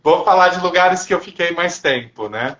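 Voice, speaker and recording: A man co-hosting a casual live stream, talking reflectively and haltingly, with many pauses and restarts. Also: high voice, animated, fairly bright tone, muffled recording. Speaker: therapist and co-host.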